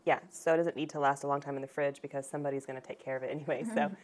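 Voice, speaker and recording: A woman in her thirties casually talking through a recipe in her home kitchen, relaxed and chatty, picked up by a camera across the room. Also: a bass voice, rapid-fire. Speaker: home cooking vlogger. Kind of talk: casual cooking demonstration.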